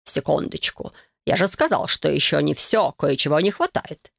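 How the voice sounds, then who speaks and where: An audiobook reader voicing a smug, greedy young male fashion genius, speaking slowly and drawing out the words. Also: medium pitch, very animated, gravelly, a bit bright, dry recording, clean studio sound, full character voice. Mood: mocking.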